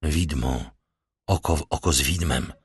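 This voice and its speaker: A man's voice: deep voice, expressive, a little slow, no echo, clean studio sound. A man reading aloud as a grave, fatherly nobleman, speaking in a solemn, reassuring way.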